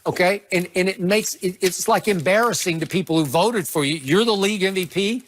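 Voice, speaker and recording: A man's voice: high voice, a little fast. A man co-hosting a sports debate show, arguing his points emphatically. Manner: argumentative, emphatic.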